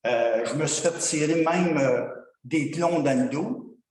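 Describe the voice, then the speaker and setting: A man's voice: on the high side, a little slow. Frustrated Québécois man speaking from far off in an echoey hall. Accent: Québécois French. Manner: rambling, frustrated, colloquial storytelling. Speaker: citizen at council question period. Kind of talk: public comment at a town council meeting. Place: municipal council hall. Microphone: far from the microphone. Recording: echoey hall, distant mic, noise.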